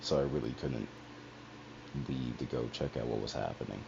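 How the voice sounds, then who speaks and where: A man's voice: rumbling low, normal speed, creaky. A young man streamer telling a personal story on a headset, rambling and profane with lots of asides. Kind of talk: casual personal storytelling on a livestream. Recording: dull lo-fi headset audio with faint hiss.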